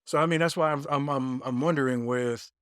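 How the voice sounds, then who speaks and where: Mid pitched guy on a podcast, jokey, slow questions, dry close sound. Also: clear, resonant tone, no room sound. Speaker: podcast co-host. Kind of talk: casual chat.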